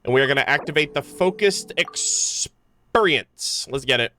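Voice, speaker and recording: Rambling casually as he plays, this game streamer stumbles a little over read-aloud passages while video game music runs behind him. His higher voice is animated, pushed and bright, a little slow in pace, with no echo.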